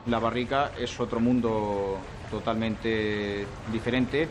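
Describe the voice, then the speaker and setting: A man, a winemaker, explaining slowly and thoughtfully in an interview. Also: fairly low pitch, fairly even intonation, music in the background, poor audio. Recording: outdoor noise, traffic behind.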